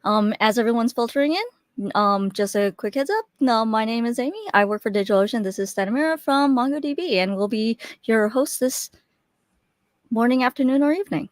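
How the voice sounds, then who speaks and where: A woman's voice: a little high, expressive, a little fast, no room sound, studio quality. A young woman hosting a live webinar, chatting casually on a USB desk mic with lots of fillers and restarts while waiting for viewers to arrive. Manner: chatty, friendly, filler-heavy with frequent restarts. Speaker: webinar host. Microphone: USB desk microphone.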